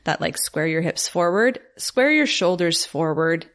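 A woman's voice: on the low side, expressive, unhurried. A woman co-hosting a yoga podcast, describing postures in a chatty casual way, full of "like". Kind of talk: casual teaching chat.

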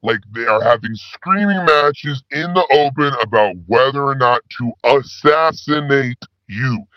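A man playing a pitched-down slacker spy caller. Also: measured pace, dry recording. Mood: laid-back. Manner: stoner slang, rambling, laid-back. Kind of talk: comedy call-in sketch. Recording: dull lo-fi phone call.

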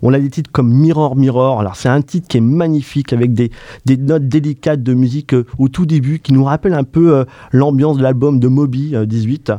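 A man's voice: medium pitch, fairly quick, mellow, no room sound, dull audio. A man hosting a radio music show, reviewing an album with effusive praise, many fillers and repeated superlatives. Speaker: radio host. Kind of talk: enthusiastic music review chat.

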